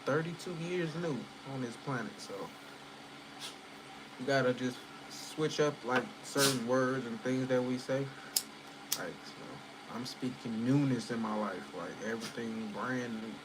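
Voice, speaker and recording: A man in his thirties, early in that decade, hosts a laid-back livestream at home and wanders through his talk with viewers, swearing and using lots of fillers. The recording is very noisy; his mid-range voice holds a steady tone and an unhurried pace.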